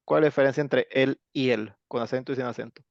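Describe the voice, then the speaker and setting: A man's voice: medium pitch, fairly even intonation, fast talker, gravelly, no room sound. A man with a Mexican Spanish accent teaching an online English class, chatty and explanatory with many fillers. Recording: dull, lo-fi online class audio.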